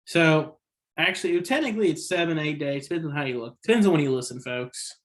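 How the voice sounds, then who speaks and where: Brisk and expressive, with a fairly high pitch, this man hosts a casual sports podcast while hiccuping. He's opinionated and rambling, correcting himself again and again.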